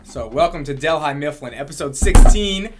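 A woman's voice: low-pitched, lively intonation, moderate pace, very noisy. A woman hosting a podcast, chatting casually and jokingly with lots of "like" fillers. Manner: joking, rambling, many "like" fillers. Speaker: podcast host. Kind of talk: casual chat.

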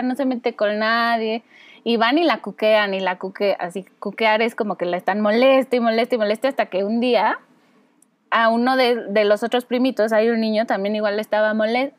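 A Mexican woman in her thirties chatting casually as a podcast co-host, animated and acting out children's voices. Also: fairly high pitch, dry recording. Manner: animated, acts out kids' voices with squeals. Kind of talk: casual chat.

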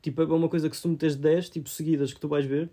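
A young adult co-host of a film discussion podcast chats casually about things in slangy speech peppered with English words. His voice is a little high and dark in tone, with a flat, rapid-fire delivery.

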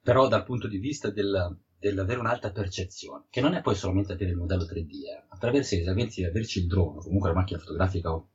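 Low, very husky Italian man. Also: darkish tone. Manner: halting, repeats words and restarts often. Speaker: interviewed field geology researcher. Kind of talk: conversational technical interview answers. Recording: dull, muffled audio.

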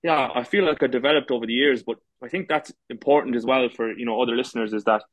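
An Irish man in his thirties, a footballer and coach, talks casually as a podcast guest. His mid-range voice moves at a quick pace, full of false starts and fillers, and the recording is dry.

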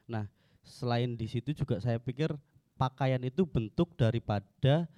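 A man takes his turn in a discussion, hesitant and often searching for the next word. His voice is mellow, smooth and resonant, with a dry, close sound. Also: mid-range voice, unhurried, dry recording, lo-fi sound. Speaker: discussion participant. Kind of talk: spoken discussion contribution.

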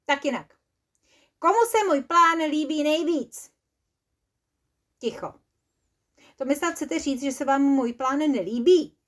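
A woman voicing a bossy, excitable male creature leader, pushy and theatrical. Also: high voice, long pauses, pitched above the performer's own voice.

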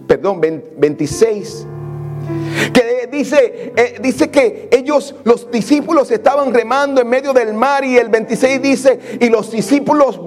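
A man's voice: very high voice, darkish tone. A man preaching a sermon with fervor, building up through strings of repeated declarations.

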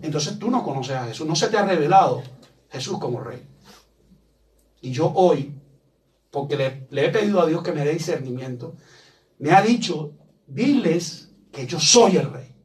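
High-voiced preaching man from afar. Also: animated, normal speed, pauses often, a little mellow, recorded from a distance. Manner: preaches with rising emphasis, acts out quoted voices. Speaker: pastor. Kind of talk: sermon. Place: church.

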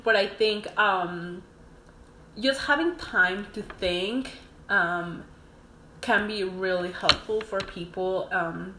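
A young woman from Mexico speaks as a podcast guest in an easy, reflective way, often pausing on ums. Her voice sits at a middle pitch. The room gives it a noticeable echo with faint noise underneath. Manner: relaxed, frequent ums, thoughtful. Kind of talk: casual interview chat.

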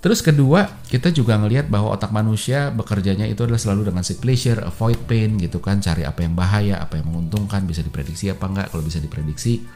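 A man's voice: fairly low pitch, fast, hardly any pauses, warm tone, soft background music. A man hosting a podcast, explaining in a casual way with slang and lots of fillers. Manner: informal Jakarta slang, many fillers. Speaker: podcast host.

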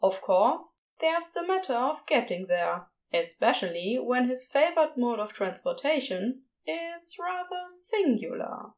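Reading a scripted fantasy story, this woman keeps a measured pace and barely pauses. Her voice is on the higher side, and broad swings in intonation give the reading plenty of energy.

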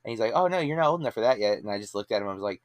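Animated and very fast, this fairly low-pitched man talks on his movie podcast with no echo around him. In his late thirties, he rambles casually, often restarting and filling gaps with fillers.

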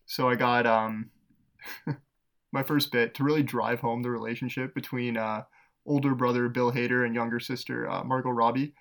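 A podcast co-host talking casually, his gravelly voice slipping into fry at the ends of phrases. He rambles, fills gaps with "uh" and laughs a lot at his own jokes. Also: mid-range voice, fairly even intonation, moderate pace, a bit bright. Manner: laughs often, rambling with fillers. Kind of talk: casual chat.

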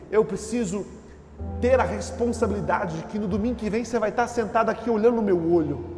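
Male pastor, very high voice, sermon in a church, shouts in bursts; roomy hall with faint music. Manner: preaching with surges into shouting and repeated phrases.

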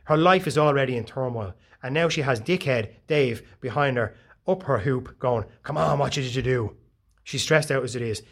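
A man, giving a casual, profane motivational talk full of animated storytelling. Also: mid-range voice. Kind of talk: casual monologue.

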